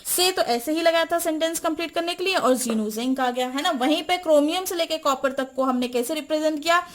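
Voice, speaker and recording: A woman teaching a chemistry lecture, repeating mnemonics and quizzing the listener. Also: sits high. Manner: repeats and quizzes the listener, slow deliberate spelling-out.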